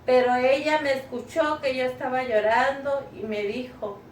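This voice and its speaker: A woman's voice: sits high, fairly even intonation, moderate pace. A middle-aged woman gives a personal religious testimony to her church, earnest and tearful, speaking to her listeners as brothers and sisters. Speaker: church member giving testimony. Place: living room at home. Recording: roomy, distant mic, faint background noise.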